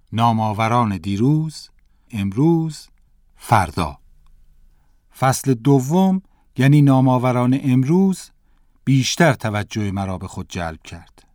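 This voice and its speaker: A man narrating a textbook lesson story in a measured, careful reading voice. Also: medium pitch, darkish tone, dry recording, studio quality.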